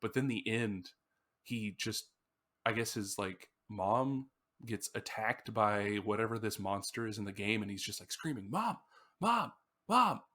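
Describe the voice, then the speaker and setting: A man's voice: on the low side, steady tone, a little slow, a bit bright. A man co-hosting a podcast in casual chat about an album, telling stories in a loose, rambling way. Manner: rambling storyteller, acts out screams. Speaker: podcast co-host.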